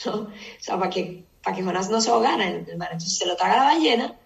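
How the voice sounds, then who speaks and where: A woman teaching a Bible study group, retelling the story in a lively casual way and putting questions to the listeners. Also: medium pitch, fast, creaky. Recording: echoey room, distant mic.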